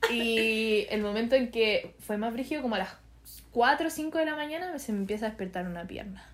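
A woman's voice: a little high, fairly quick. A young woman with a Chilean accent, telling her own story in casual chat and acting out what people said to her.

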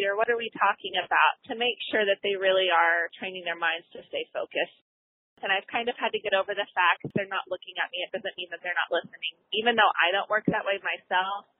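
A woman's voice: mid-range voice, slight background noise. A woman speaking as a homeschooling parent, explaining in a casual, conversational way. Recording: tinny phone-like line.

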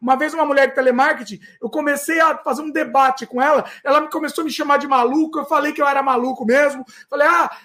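A man hosting a casual podcast, telling stories in an animated way with frequent restarts. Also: very high voice, fast talker, few pauses. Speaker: podcast host.

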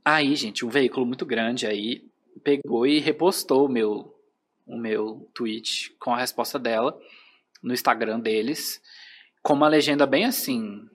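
A man from Brazil with a Brazilian Portuguese accent, a podcast guest telling an animated story in casual chat, full of filler phrases. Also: medium pitch, a little slow, breathy edge.

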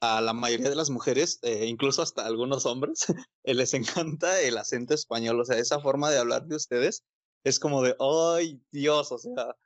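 A man's voice: mid-range voice, normal speed, dry recording. A Mexican man co-hosts a laid-back chat, packing his speech with slang. His voice sits in a middle range and sounds dry and close. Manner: slangy, peppers speech with "güey". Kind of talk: casual podcast chat.

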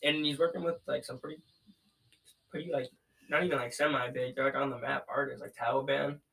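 A man's voice: mid-range voice, steady tone, fairly quick, creaky, a bit bright, poor audio. A young man hosting a casual podcast in a slangy, profane frat-bro manner. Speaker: podcast host.

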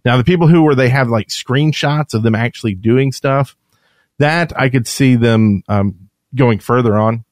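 A man's voice: medium pitch, moderate pace, no room sound, clean studio sound. A man co-hosting a podcast in casual chat, rambling and correcting himself as he talks. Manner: rambling, self-correcting, chatty. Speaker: podcast co-host.

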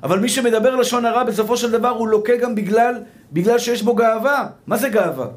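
Man rabbi with a strikingly high voice, preaching to a live audience, punchy and repetitive. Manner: emphatic, repeats rhetorical questions, calls listeners brother.

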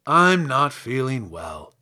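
A man voicing a friendly, naive living scarecrow stuffed with straw, husky, polite and earnest, in a storybook reading. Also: mid-range voice, very animated, takes it slowly, sharp tone, full character voice. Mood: weary, polite.

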